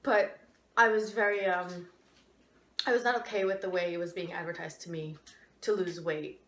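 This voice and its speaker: A woman in her twenties from Ukraine, candidly and reflectively telling her own story, pausing on fillers as she goes. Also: lowish voice, fairly even intonation. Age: 20s. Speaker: interviewee. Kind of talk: personal testimony. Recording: echoey room, faint background noise.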